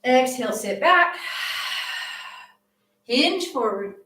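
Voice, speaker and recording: A woman's voice: high voice, lively intonation, slow pace, fairly bright tone, far from the mic. A middle-aged woman leading a live movement class as a yoga instructor, encouraging and chatty as she coaches each pose, a little out of breath. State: slightly out of breath. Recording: echoey room, voice from off-mic.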